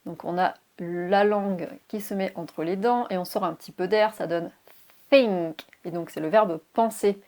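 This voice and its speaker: A woman teaching English pronunciation in a video lesson. She explains clearly and spells words out letter by letter. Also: lowish voice, fairly even intonation, normal speed, hardly any pauses, darkish tone.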